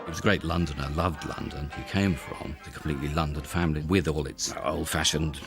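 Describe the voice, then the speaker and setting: A man's voice: extremely low pitch, fairly even intonation, fairly quick, vocal fry, over loud music. A man telling a life story in a documentary interview, considered and storytelling.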